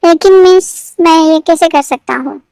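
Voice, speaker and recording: A woman's voice: very high voice, unhurried, warm tone, no room sound. A woman voicing a shy, polite young male employee in a fan fiction story read aloud, speaking timidly.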